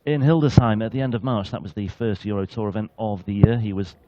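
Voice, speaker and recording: A man's voice: fairly low pitch, quick pace, mellow, no room sound, highs cut off. A man giving analytical sports commentary as a darts co-commentator.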